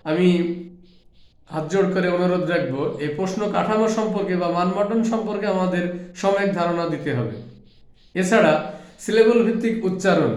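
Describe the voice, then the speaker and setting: Earnest high-voiced man in echoey room. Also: a little mellow. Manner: lists terms one by one, pleading tone; mixes English terms into his speech. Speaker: educator speaking on English teaching. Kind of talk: earnest spoken talk.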